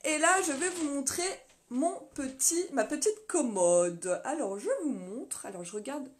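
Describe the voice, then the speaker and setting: A woman's voice: high-pitched, animated, a little slow. A woman vlogger chatting casually on a live stream from her small home office, rambling with many fillers and laughing often. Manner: laughs often, reads viewer comments aloud. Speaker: vlogger hosting a live video. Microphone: phone mounted on a stand.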